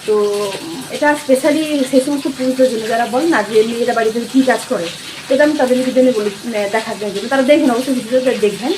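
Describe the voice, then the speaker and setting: A woman's voice: on the high side, fast, background noise. A middle-aged woman talking casually through a home vlog as she cooks and tidies, chatty and complaining, often correcting herself mid-word. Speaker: cooking vlogger. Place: at home, kitchen and rooms.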